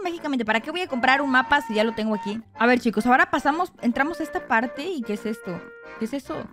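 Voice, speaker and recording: Excitable woman gamer. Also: a little high. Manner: excitable, talks to viewers, bursts into shrieks. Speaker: gaming YouTuber. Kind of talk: casual gameplay commentary.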